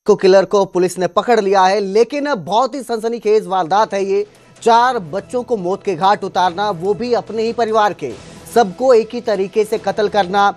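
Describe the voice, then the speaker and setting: A woman's voice: mid-range voice, a little mellow. A woman presenting breaking news in a dramatic, sensational and emphatic manner.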